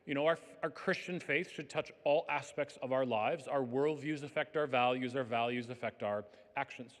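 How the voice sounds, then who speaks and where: A man's voice: mid-range voice, moderate pace. Man speaking in a reverberant hall. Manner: conversational, earnest, numbered points. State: tired, slightly worn voice. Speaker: conference speaker. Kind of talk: faith-based talk to educators.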